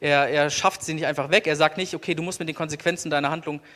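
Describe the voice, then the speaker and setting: A man's voice: on the high side, steady tone, a bit bright. Earnest male pastor in a reverberant church. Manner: earnest, slows down for emphasis. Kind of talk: sermon.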